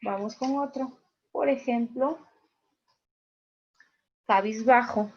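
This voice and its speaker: Woman teacher, slow and repetitive, slightly high voice, dull video call audio. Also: animated. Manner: slow, repeats key phrases, checks in with "¿listo?". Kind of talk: online class lecture.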